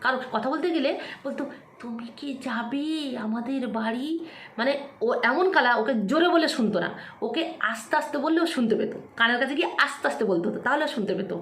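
A woman's voice: high voice, lively intonation, very fast, fairly bright tone, a little hiss or hum. A woman vlogger delivering an angry, taunting rant straight to the camera, scolding and repeating herself. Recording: echoey room.

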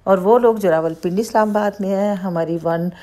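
A woman's voice: medium pitch, fairly quick, dark tone. Chatty Pakistani woman teaching makeup. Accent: Pakistani Urdu. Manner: chatty, explains each step as she goes. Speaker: makeup artist. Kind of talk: tutorial voice-over.

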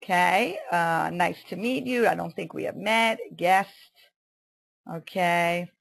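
Gravelly-voiced woman teaching English online. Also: on the low side. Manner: slow, careful pronunciation drills with many "okay"s. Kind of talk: online webinar lesson.

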